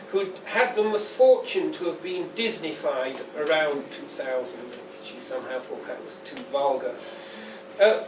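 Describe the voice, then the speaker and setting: A poet with a high voice gives a public reading at a live launch event in a pub, opening with an informal introduction. His delivery is slow and deliberate, with a dry, wry edge. He's recorded indoors from a distance, so the room sounds noisy and full of echo.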